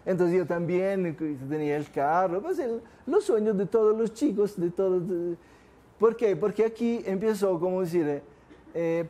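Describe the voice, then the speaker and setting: An older man from southern Italy, speaking his native Italian, leads an informal class seminar as the course speaker and often quizzes the room in a conversational way. His voice sits high and sounds mellow.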